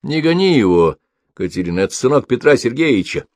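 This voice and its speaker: A man's voice: medium pitch, very animated, brisk, no room sound, clean studio sound, pitched above the performer's own voice, lightly acted. A man playing a kindly grey-haired medic. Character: grey-haired hospital medic, kind and steady.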